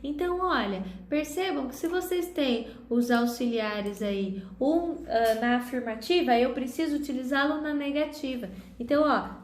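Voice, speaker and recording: Brazilian woman, online English teacher, patient step-by-step explainer, slightly high voice, echoey room recording. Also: normal speed, hardly any pauses. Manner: patient, talks students through each step with many "tá?" checks. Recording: echoey room with faint background noise.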